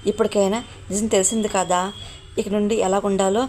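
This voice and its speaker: A woman's voice: medium pitch, little pitch movement, brisk, a little mellow, a little hiss or hum, close to an everyday voice. A woman voicing a caring middle-aged mother who soothes her daughter, in a retold family drama. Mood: consoling. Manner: soothing, then suspicious.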